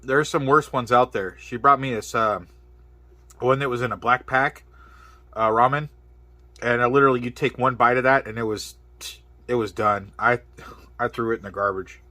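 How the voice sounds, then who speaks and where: Man reviewing food on camera, bright tense tone, dry close sound, gasping at spicy bites. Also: mid-range voice, fairly even intonation, moderate pace, no room sound. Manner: exclaiming between bites, hiccuping from spice. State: mouth burning from spicy food. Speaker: product reviewer. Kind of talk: casual food review vlog.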